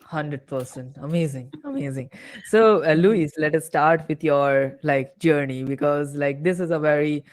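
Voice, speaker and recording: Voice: medium pitch, measured pace, no room sound. A podcast host opening an interview, eager and rambling, with many fillers and restarts.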